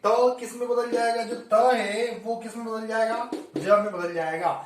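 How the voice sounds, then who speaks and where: A man's voice: very high voice, fairly even intonation, unhurried, a little hiss or hum. A man teaching a Hindi grammar lesson for exam preparation, explaining each rule step by step and repeating it. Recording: echoey room, mic at a distance.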